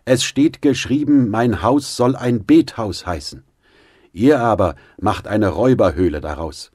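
A man reading the words of Jesus in a scripture audiobook, in a solemn, measured way. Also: sits low, lively intonation, warm tone, husky, no echo, studio quality, full character voice. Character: Jesus, calm authoritative male teacher.

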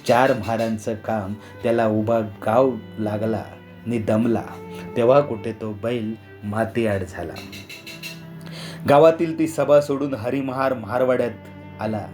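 A man narrating a short story in a measured, dramatic reading. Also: mid-range voice, a little mellow, soft background music.

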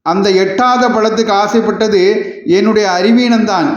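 A man's voice: high-pitched, steady tone, moderate pace, natural voice. A man voicing a proud young woman dancer, speaking with indignant reproach in an audiobook reading. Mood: hurt, indignant. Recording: echoey room, slightly dull sound.

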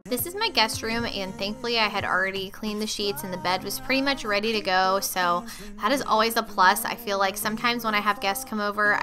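A young woman chatting casually as a cleaning and cooking vlogger, explaining with occasional filler ums. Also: mid-range voice. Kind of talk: casual voice-over narration. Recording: loud background music. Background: loud music.

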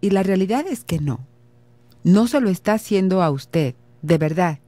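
A woman's voice: fairly low pitch, lively intonation, moderate pace, mellow, no room sound. A middle-aged Mexican woman hosting a radio advice show, explaining patiently and speaking straight to the listener. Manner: explanatory, addresses listener directly, acts out example lines.

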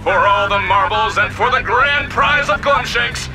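An actor playing a bombastic game arena announcer with a booming prize-announcer delivery and drawn-out shouted names. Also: male voice, music in the background, low-quality recording. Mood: booming hype. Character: bombastic male arena race announcer hyping monster battles. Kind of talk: theatrical sports commentary in a video game.

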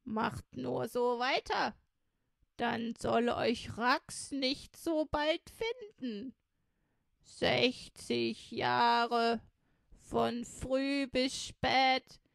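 A woman voicing a greedy, bossy old woman in a children's storybook, scolding in a shrill voice. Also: very slow, gravelly, a bit bright, no room sound, studio quality, exaggerated voice. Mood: gloating.

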